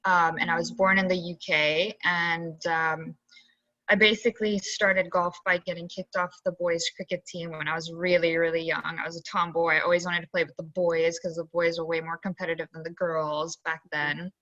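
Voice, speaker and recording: A young woman from Zambia, an assistant golf coach, telling her story in a chatty, animated way full of fillers on a video call. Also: fairly low pitch, normal speed. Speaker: assistant college golf coach, interview guest. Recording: dull lo-fi video call audio.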